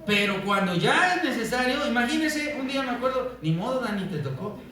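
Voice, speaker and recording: A man preaching a sermon as pastor, telling stories with lively acted-out voices and often asking "¿verdad?". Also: very high voice, a little fast, recorded from a distance, crowd noise. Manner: animated storytelling, acts out quoted voices, asks "¿verdad?" often. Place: church. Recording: echoey church, voice from off-mic.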